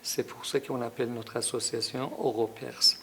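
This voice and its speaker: A man's voice: mid-range voice, fairly even intonation, normal speed, fairly bright tone, a little hiss or hum. A middle-aged Iranian man, a native Persian speaker with a Persian accent, answering interview questions, hesitant with many fillers and growing emphatic. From Iran. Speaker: interviewee, association president.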